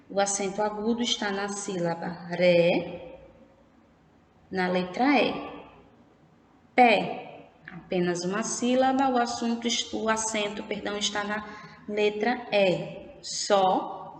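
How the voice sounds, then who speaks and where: A Brazilian woman teacher giving a recorded remote lesson, explaining slowly and patiently and often checking in with her pupils. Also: medium pitch. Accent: Brazilian Portuguese. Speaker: primary school teacher. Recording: echoey room with faint background noise.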